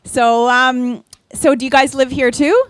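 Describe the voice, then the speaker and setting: A woman's voice: high voice, fairly even intonation, unhurried, no room sound. A middle-aged woman from the Czech Republic giving a casual talk to a small audience, chatty, with many ums, and asking the listeners questions.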